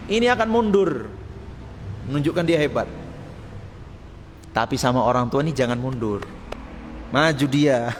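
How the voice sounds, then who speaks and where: A man teaching a mosque study circle. He talks in a lively way, acts out short quoted lines and chuckles often. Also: a little high. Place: mosque hall. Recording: long hall reverb with faint noise.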